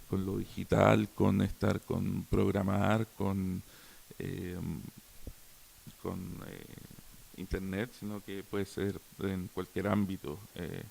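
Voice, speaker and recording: A man's voice: on the low side, gravelly, darkish tone. A young man with a Chilean accent giving an informal workshop talk, hesitant, with many fillers and restarts. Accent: Chilean Spanish. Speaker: workshop speaker. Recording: faint hiss behind the voice.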